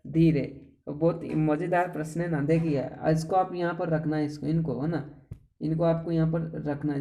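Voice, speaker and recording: A man's voice: fairly high pitch, warm tone. A man teaching an exam-prep grammar lesson, chatty and playful, calling viewers friends and brothers and asking them rhetorical questions.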